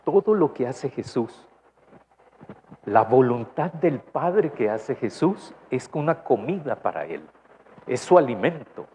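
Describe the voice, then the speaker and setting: A pastor with a Salvadoran accent gives a conversational sermon in church, in a medium-pitched, sing-song, dark-toned voice, taking it slowly. He keeps questioning the congregation, tagging lines with "¿verdad?". The church recording is dull and lo-fi with faint noise.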